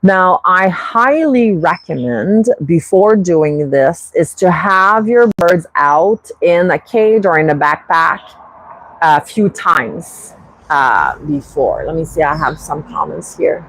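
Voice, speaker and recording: A woman from Quebec with a French accent, speaking English as a second language, chats on her bird-keeping livestream in a lowish, animated, somewhat bright voice. The recording is low quality; she's unhurried, often starts over, and reads comments from viewers.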